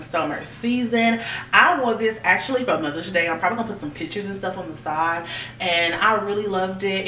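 A chatty young woman, talking casually right to her viewers. Her voice sits at a middle pitch and sounds a little off from the mic. The room gives it a roomy echo. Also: fairly bright tone, recorded from a distance, a little hiss or hum. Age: 20s. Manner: chatty, talks straight to viewers. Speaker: fashion vlogger. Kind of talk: casual try-on haul chat.

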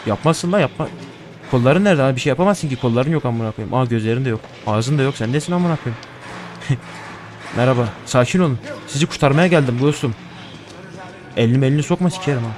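A man's voice: mid-range voice, quick pace, a little mellow, a little hiss or hum. A young man giving casual horror gameplay commentary, nervous and joking, swearing often as he plays. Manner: jittery, profane, joking to himself. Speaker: gaming streamer.

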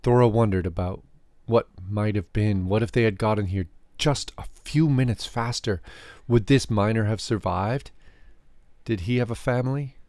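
A man with a lowish voice narrates a fantasy adventure in a measured, expressive way. The sound is close and dry, with no room around it. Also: dry recording. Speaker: author and narrator. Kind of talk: scripted storybook narration.

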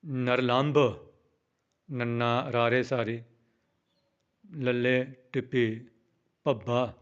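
Male teacher chanting verse lines slowly and explaining pronunciation, clean voice on a somewhat muffled recording. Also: medium pitch, flat delivery, clear, resonant tone. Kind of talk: slow recitation and spelling lesson.

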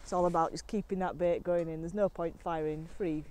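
A woman's voice: lowish voice, a little fast. Chatty woman fishing by a lake. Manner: chatty and excitable, talking to camera between catches. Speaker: angling vlogger. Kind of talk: casual commentary while fishing. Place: outdoors on a lakeside bank. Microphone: camera on the bank.

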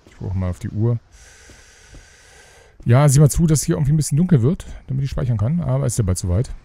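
A man's voice: medium pitch, expressive, quick pace, creaky, dark tone, husky, no echo. A man hosting a let's play, chatting casually and grumbling to himself as he builds. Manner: rambling, grumbles to himself, mutters asides. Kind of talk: casual gaming commentary.

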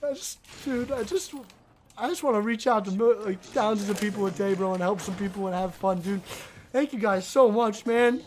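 A man streaming a video game live, talking to his chat in an excitable way, swearing often and calling everyone dude and bro. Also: high voice, moderate pace, slight background noise.

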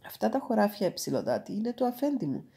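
A woman's voice: mid-range voice, huge pitch swings, gravelly, warm tone, husky, full character voice. Woman voicing a sly scheming cat in boots. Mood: cunning. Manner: eager, scheming.

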